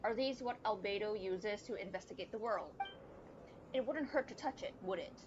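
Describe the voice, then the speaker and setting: A young woman live-streams a game with casual, playful commentary and wry asides, sometimes reading the game's text aloud. Her voice is medium-pitched and moderately paced, heard through a dull lo-fi mic with game music and background noise behind her.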